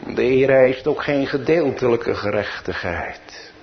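A male pastor with a Dutch accent delivers a sermon at a deliberate, unhurried pace, his slightly raised voice swelling to emphatic peaks. The recording is muffled and lo-fi, with faint background noise. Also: medium pitch, lively intonation. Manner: preaching with rising, emphatic peaks.

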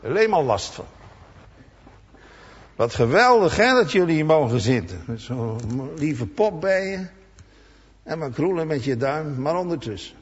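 A man preaching a sermon in a church, slow and emphatic, acting out the cries of the people in his story. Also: a little high, very animated, husky. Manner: slow, emphatic preaching with dramatic voiced quotes. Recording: dull sound with long church reverb.

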